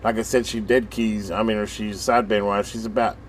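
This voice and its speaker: A brisk American man with a lowish voice chats casually on his channel as a radio hobbyist, rambling in a folksy way as he thinks aloud. He works hands-on at a workbench full of radio gear, with steady background noise in the recording.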